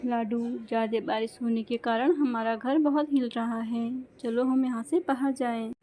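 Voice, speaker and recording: A woman voicing an anxious, hurt mother sparrow who talks in a soft, complaining way. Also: on the high side, steady tone, moderate pace, natural voice. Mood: sad.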